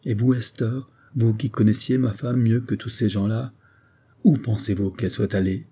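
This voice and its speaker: A man doing a brooding young soldier, low and grave. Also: steady tone, moderate pace, warm tone, husky. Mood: questioning. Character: grieving young army captain, stubborn, brooding.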